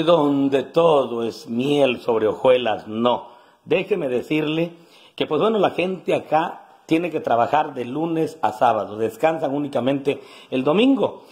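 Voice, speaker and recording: A vlogger with a coastal Guerrero Mexican accent, in his forties, gives a casual, colloquial monologue to a phone at arm's length, starting in a house and ending up on a roadside. His voice is fairly high, a little mellow and slightly rough, with no echo, and his talk is earthy and salty.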